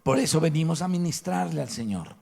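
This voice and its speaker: Man, Mexican Spanish accent, pastor's sermon, fairly high and gravelly voice, rhetorical questions. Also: sing-song, a little fast, a little mellow. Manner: emphatic preaching, rhetorical questions to the congregation. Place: church hall.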